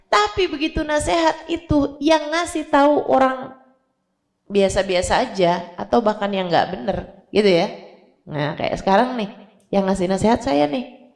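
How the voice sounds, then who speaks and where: A woman preacher delivering a sermon in a colloquial, animated way and acting out examples. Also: medium pitch, creaky.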